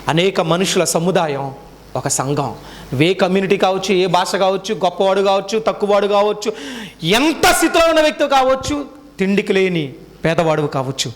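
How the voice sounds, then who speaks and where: A high-voiced man preaching to his congregation, asking question after question. He rises into loud calls, then drops to low, quiet remarks. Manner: swings between loud raised calls and low quiet asides. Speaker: pastor. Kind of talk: sermon.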